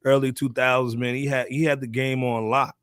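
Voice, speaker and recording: A podcast host with a smooth, medium-pitched voice talks fairly quickly in a casual hip hop discussion. His delivery is slangy and conversational, packed with animated asides, and he says "man" often. The studio sound is clean, with no echo.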